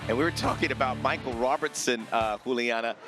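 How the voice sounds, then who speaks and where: A man's voice: medium pitch, fairly quick. A man giving conversational sports commentary as a fight commentator. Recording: loud crowd and music behind commentary. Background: arena crowd and music.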